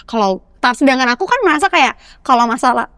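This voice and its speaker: A young woman telling a story in a casual podcast interview, animated and acting out the voices of the people she quotes. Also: high-pitched, fast, no echo, clean studio sound. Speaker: guest actress.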